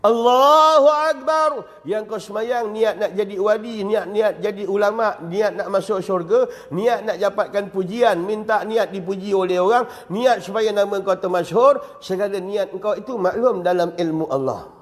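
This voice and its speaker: A man with a Malaysian Malay accent teaching a lively, joking religious lecture in a mosque. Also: sits high, moderate pace, few pauses. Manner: lively, joking, with acted-out examples. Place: mosque prayer hall. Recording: long reverb of a mosque hall.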